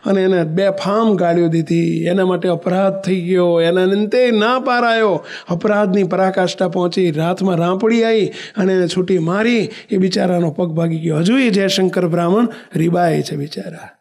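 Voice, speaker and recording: A man from western India, preaching a devotional sermon as an animated storyteller who acts out the characters' dialogue and chants verses. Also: sits high, moderate pace. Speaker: religious preacher.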